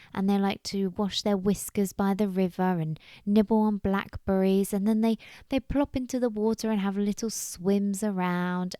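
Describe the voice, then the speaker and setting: A British woman narrating a children's story, expressive and chatty, with asides to her listeners. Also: medium pitch, dry recording, studio quality.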